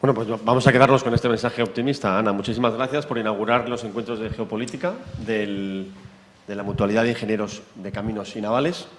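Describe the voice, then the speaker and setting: A man's voice: on the low side, fairly even intonation, fast, slight background noise. A man moderating a conference session, formally and courteously thanking the speaker. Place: large auditorium. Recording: reverberant auditorium.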